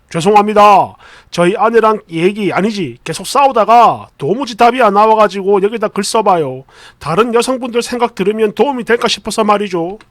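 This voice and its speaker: A man's voice: high voice, fairly bright tone, no room sound, clean studio sound. A man hosting a channel, reading an online post aloud and dropping wry asides. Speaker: host reading viewer stories.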